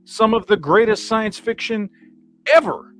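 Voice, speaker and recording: A man hosting a casual live stream chat, talking in an animated way with lots of "you know what I mean.". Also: high voice, unhurried. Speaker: show host. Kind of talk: casual chat about toys and films. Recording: live stream with faint background music.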